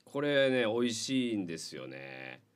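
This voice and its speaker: Low-voiced Kansai man hosting radio. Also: unhurried, clear, resonant tone. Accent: Kansai Japanese. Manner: relaxed, teasing, reads listener mail aloud. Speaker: radio host. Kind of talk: casual radio chat.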